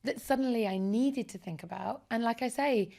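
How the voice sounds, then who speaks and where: Woman being interviewed, bit of fry in her voice, chatty and animated. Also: fairly high pitch, moderate pace. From Essex, England. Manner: animated, enthusiastic storyteller. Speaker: guest. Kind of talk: casual conversational interview.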